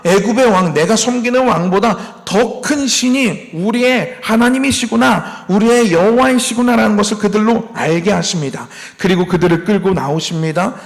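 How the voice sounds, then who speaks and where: A man with a high voice preaches in a church hall, and the sound rings on in a long reverb. He tells the story like a storyteller and acts out the lines he quotes. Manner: storytelling, acting out quoted complaints and God's words. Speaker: pastor. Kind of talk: sermon. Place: church sanctuary.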